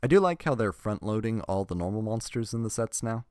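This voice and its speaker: A man with a fairly low voice, recorded close and dry with no room sound. He reviews trading cards in a relaxed, chatty way, reading the card text aloud and adding wry remarks and laughter as he goes. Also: fairly quick, dry recording.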